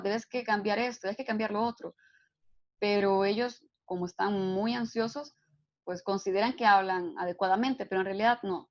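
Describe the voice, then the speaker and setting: A woman's voice: on the high side, muffled recording. A woman giving a psychology lecture, explaining steadily and often checking in with tag questions. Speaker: psychology instructor. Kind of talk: online lecture.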